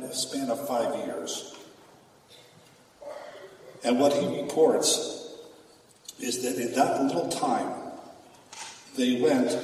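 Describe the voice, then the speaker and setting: A rabbi giving a sermon in emphatic preaching that swings from calm to loud, recorded from a distance in a large hall. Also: male voice, mid-range voice, a little hiss or hum. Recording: echoey hall, far from the mic.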